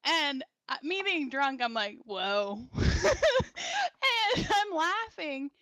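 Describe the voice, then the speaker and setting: A young woman in her twenties with a high voice tells a drunken story as a podcast guest. She talks casually and with energy, swearing freely and acting out other people's lines. The sound is close and dry. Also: a little slow, dry recording. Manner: animated, swearing, laughing as she acts out quotes.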